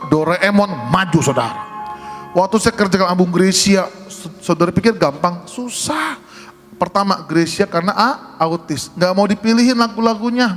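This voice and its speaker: A man, a pastor, telling a humorous testimony to his congregation. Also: high-pitched. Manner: humorous storytelling, addressing congregation. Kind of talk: sermon testimony.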